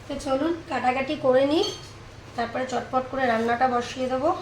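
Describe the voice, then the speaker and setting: A woman's voice: high voice, steady tone, fairly quick, a little hiss or hum, low-quality recording. A woman from India chatting through her home cooking for a vlog, describing each step to viewers in a kitchen. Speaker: vlogger. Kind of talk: casual cooking vlog narration.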